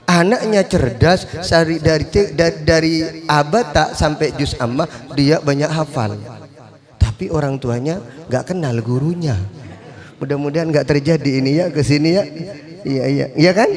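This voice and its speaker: A middle-aged man preaching at a mosque study gathering, his voice sitting a little high. He tells stories, acts out the dialogue and laughs along the way. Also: darkish tone. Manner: storytelling with acted dialogue and laughter. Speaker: Quran teacher and preacher. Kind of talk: informal religious study talk.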